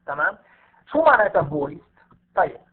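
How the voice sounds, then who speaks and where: A man with a Levantine Arabic accent teaching an English lesson, patiently repeating example words slowly for his students. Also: on the high side, very animated. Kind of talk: online lesson. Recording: tinny phone-like audio.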